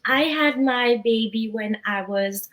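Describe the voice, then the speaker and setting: A woman in her thirties from Nepal, now living abroad, tells her story as a guest in a casual interview while feeling a little unwell. Her voice sits on the high side and is slightly bright, and she speaks slowly, chatting reflectively with frequent "you know"s.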